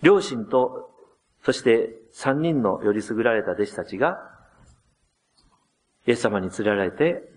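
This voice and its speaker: A man preaching a sermon as pastor, gently explaining and addressing the congregation, dramatizing quoted words with changes in voice. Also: animated, a little slow, pauses often. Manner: dramatizes quoted words with shifts of pitch and loudness.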